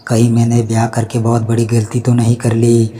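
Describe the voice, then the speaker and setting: A man narrating a moral story in a steady reading manner. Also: mid-range voice, normal speed, long reverb tail, slight background noise.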